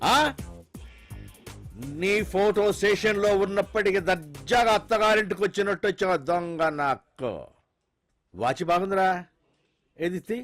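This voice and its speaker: A man's voice: high-pitched, a little slow, long pauses, soft background music. An actor playing a corrupt male police officer who teases and bosses a thief. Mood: sly. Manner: sneering, teasing, bossy. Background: film score.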